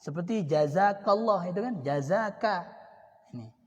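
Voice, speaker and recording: A man with an Indonesian accent teaching an Arabic grammar lesson, repeating each example word slowly. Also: fairly high pitch, animated, a little mellow. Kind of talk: classroom lesson. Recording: dull sound with long reverb.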